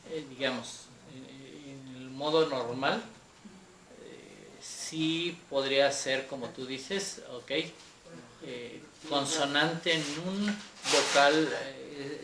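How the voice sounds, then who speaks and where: A man teaching Hebrew grammar in a Torah class, slow and patient, often checking that his students follow. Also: medium pitch. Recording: echoey room with faint noise.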